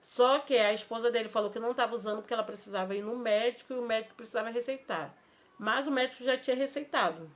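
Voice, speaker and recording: A woman with a Brazilian Portuguese accent speaks in a fairly high voice, telling a personal story straight to her viewers. She sounds emotional and halting, circling back to repeat her words. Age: adult with a child. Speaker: vlogger.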